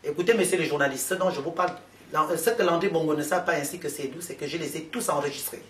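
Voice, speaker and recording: A man speaks to journalists in an emphatic, repetitive testimony, full of fillers and restarts. His voice sits somewhat high. He is picked up from some distance in a room with a noticeable echo. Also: fast talker, a bit bright. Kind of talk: impassioned spoken testimony.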